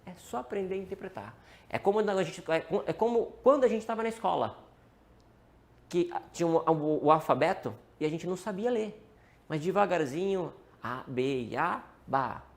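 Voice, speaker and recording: A man's voice: high voice, expressive, moderate pace, gravelly. A man with a Brazilian Portuguese accent teaching day trading in a live-streamed lesson, asking and answering his own questions and calling out to his viewers.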